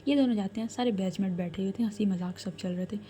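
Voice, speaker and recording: A woman's voice: medium pitch, fast, warm tone, a little hiss or hum. A woman telling a love story in a chatty, casual way, talking straight to her listeners. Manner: chatty, addresses listeners directly.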